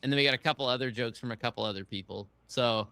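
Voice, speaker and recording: A man's voice: mid-range voice, quick pace, pushed and bright, clean tone, no room sound. A man co-hosting a casual podcast chat, talking hesitantly and laughing easily. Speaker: podcast co-host.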